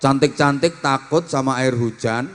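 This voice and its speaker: A man's voice: mid-range voice, normal speed, fairly bright tone, big-room sound, slight background noise. A man preaching a humorous sermon to children at an outdoor gathering, acting out greetings in different voices and calling out to the crowd. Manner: playful, acts out greetings in varied voices, calls to the crowd.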